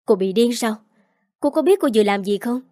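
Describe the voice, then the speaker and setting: Phụ nữ đọc giọng bà mẹ chồng ghê gớm. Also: female voice, on the high side, lively intonation, a little fast, dark tone, dry recording, clean studio sound, lightly acted. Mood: indignant. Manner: complaining, indignant. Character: scheming older mother-in-law, shrill and indignant.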